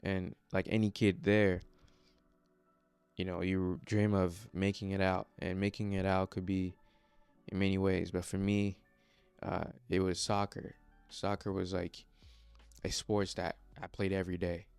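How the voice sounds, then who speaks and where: Speaking at a measured pace, this young man from the Democratic Republic of the Congo has a voice that sits low with little pitch movement and a darkish, clean tone. English isn't his first language, and his motivational personal vlog comes across as earnest and hesitant, with many fillers and restarts. There's no room sound, just soft background music.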